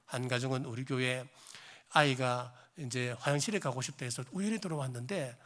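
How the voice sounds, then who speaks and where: A hoarse middle-aged pastor with a Gyeongsang accent, preaching a sermon in a church, swinging from emphatic exhortation to chatty storytelling. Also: male voice, mid-range voice, fairly quick, fairly bright tone. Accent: Gyeongsang Korean. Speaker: senior pastor. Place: church sanctuary.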